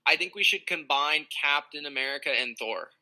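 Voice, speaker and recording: A man's voice: on the high side, fairly quick, bright, forceful tone, poor audio. A man chatting casually as a guest co-host on a podcast, easygoing and agreeable.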